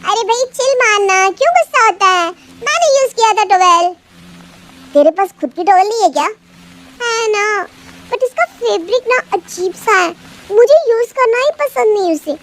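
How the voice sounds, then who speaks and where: A woman's voice: very high voice, animated, moderate pace, pitched above the performer's own voice. A woman voicing a spoiled, cheeky young sister-in-law who talks in a teasing, careless way.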